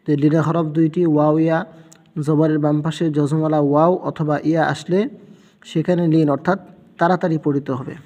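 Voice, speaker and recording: A man's voice: fairly high pitch, little pitch movement, fairly quick, dark tone, big-room sound. A man teaching a Quran reading lesson, patiently spelling out letter sounds one by one and repeating them.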